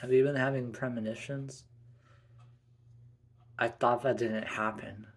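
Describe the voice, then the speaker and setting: Guy telling a family story in first person, slow and easygoing, gravelly voice. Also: mid-range voice, fairly even intonation.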